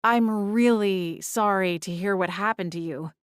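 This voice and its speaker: Gentle, reassuring woman played by a narrator. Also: mid-range voice, unhurried, clean tone, dry recording, clean studio sound, lightly acted. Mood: gentle, sympathetic. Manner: gentle, conversational. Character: kindly, reassuring woman who talks with ghosts. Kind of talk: audiobook character dialogue.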